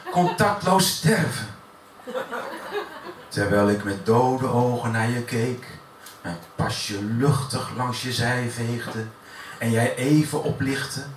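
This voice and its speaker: Man, poet, measured recitation, live café reading, distant mic, roomy echo. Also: medium pitch. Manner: measured recitation with deliberate pauses. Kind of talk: poetry reading at a live event. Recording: echoey room from far off, noisy.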